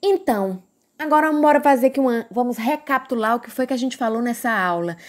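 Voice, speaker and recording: A woman's voice: on the high side, fast talker. A woman with a Brazilian Portuguese accent teaching a recorded grammar lesson, patiently stretching out words and asking the class questions.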